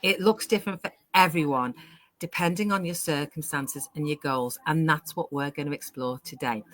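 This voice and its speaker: A woman's voice: on the low side, a bit bright, no room sound. A woman in her sixties from the UK hosting a live online panel discussion, upbeat and enthusiastic. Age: 60s. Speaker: host.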